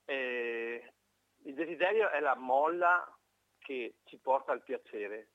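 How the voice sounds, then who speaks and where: A man calling in to a live radio show over the phone, giving a halting, reflective opinion with frequent restarts. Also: mid-range voice, animated, a bit bright, no room sound. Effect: heard over a phone line. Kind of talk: call-in opinion on a live broadcast. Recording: tinny dry phone line.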